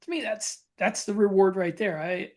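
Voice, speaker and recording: Thinking aloud reflectively, a man who co-hosts a podcast and writes talks in a relaxed, conversational way. He speaks at a moderate pace in a high voice with a somewhat dark tone.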